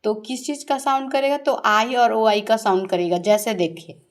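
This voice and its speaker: A woman's voice: a little high, steady tone. Woman teaching shorthand, questioning pupils. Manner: asks questions and answers them herself; repeats key words slowly for pupils. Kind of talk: classroom-style shorthand lesson.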